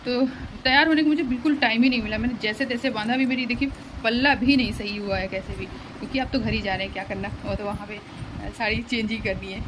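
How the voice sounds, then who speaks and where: A woman's voice: fairly high pitch, steady tone, fast. A young woman chatting casually to viewers in a home vlog while getting ready and packing. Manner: chatty, pleading and laughing with family. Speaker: vlogger. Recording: phone recording with noisy background.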